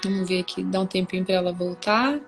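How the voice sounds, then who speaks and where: A woman's voice: lowish voice, fast talker, music in the background, low-quality recording. Chatty woman on a video call. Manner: warm, conversational, with many tag questions. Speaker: host of a live book reading. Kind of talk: casual devotional talk on a live stream.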